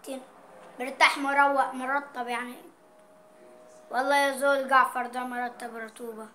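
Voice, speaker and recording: High-voiced Egyptian woman, playful vlogger. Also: little pitch movement, moderate pace, pushed and bright, a little hiss or hum. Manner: playful, reading out dialect words and their meanings. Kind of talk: casual vlog chat.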